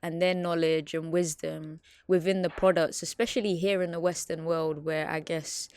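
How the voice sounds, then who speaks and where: A woman's voice: low voice, steady tone, moderate pace, darkish tone, smooth. A woman hosting a podcast, asking questions in a casual interview. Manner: laughs often, friendly questions. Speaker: podcast host.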